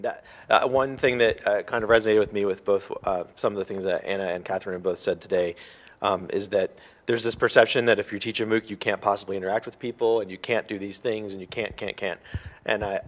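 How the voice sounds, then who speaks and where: A man speaking as a faculty panelist, hesitant with many restarts. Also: fairly low pitch. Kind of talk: panel discussion.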